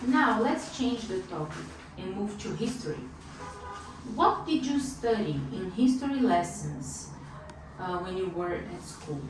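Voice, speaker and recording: A woman's voice: medium pitch, big pitch swings, a little slow. Woman examiner in a very echoey room. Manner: asks short, clearly paced test questions. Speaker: English speaking examiner. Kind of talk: mock speaking test interview. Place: classroom. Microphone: distant room microphone. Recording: echoey room far from the mic, clear background noise.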